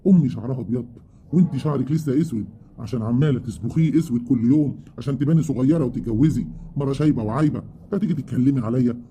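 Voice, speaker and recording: A man's voice: medium pitch, warm tone, a little hiss or hum, lightly acted. A man with an Egyptian accent voicing an insolent young man who insults his elders. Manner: insulting, contemptuous.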